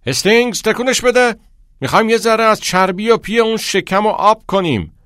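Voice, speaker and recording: A man voicing a loud, bossy gym coach who shouts orders, in an audiobook. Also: sits high, expressive, no echo, studio quality, pitched above the performer's own voice. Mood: barking orders.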